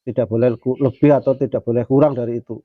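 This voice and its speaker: A man voicing a wise old male Islamic teacher who gently coaxes his student. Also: mid-range voice, fairly even intonation, fast, no room sound, phone-quality sound, close to an everyday voice. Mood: advising. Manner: gentle coaxing questions.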